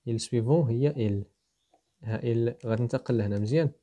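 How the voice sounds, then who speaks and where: A man's voice: medium pitch, brisk, warm tone. A man with a Moroccan Arabic accent, teaching a programming lesson and walking through code step by step as he thinks aloud. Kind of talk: explaining programming to students.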